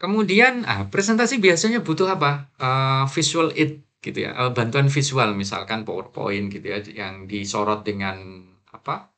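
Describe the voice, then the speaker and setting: A man's voice: medium pitch, moderate pace, a bit bright. A man teaches presentation skills in a casual lecture. He talks to his students conversationally, tosses out rhetorical questions and answers them himself. He keeps dropping English terms into his explanations. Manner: conversational, frequent filler tags and rhetorical questions.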